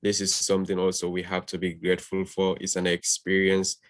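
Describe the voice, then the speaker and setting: A young man speaks as a student guest. His voice sits very low and stays level, and his manner is calm and courteous. The sound is dry and close, like a video call. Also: fairly quick, dry recording. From Gambia. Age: young adult.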